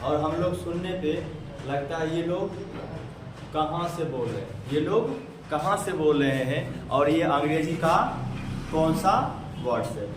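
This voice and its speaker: A man with a Bihari Hindi accent teaches English to a class, repeatedly quizzing his students. His voice is a little high and his pace measured. The mic sits far off in an echoey classroom with background noise, so he sounds like he's across the room.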